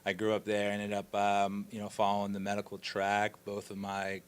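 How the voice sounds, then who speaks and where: A man from Russia who works as an orthopedic surgeon, answering interview questions in a measured, explanatory way. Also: on the low side, completely flat delivery, slight background noise.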